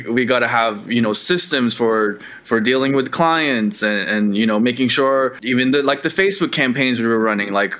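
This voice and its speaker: Bright-voiced man explaining business. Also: medium pitch. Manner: explanatory, steady, casual swearing. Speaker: podcast co-host. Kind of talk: casual business chat.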